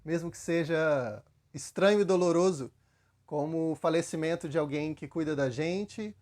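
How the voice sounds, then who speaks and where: Man, Brazilian Portuguese accent, spiritual teacher, fairly high voice, casual storytelling, lots of fillers. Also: moderate pace. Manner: relaxed storytelling with frequent fillers, acts out quotes. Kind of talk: conversational spiritual talk.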